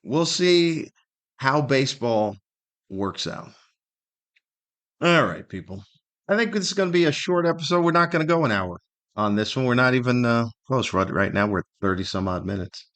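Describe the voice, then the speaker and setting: A middle-aged man hosts a solo podcast in an animated, mid-range, fairly bright voice at normal speed. His commentary is humorous and opinionated, delivered with a grumbling, incredulous manner and plenty of rhetorical questions.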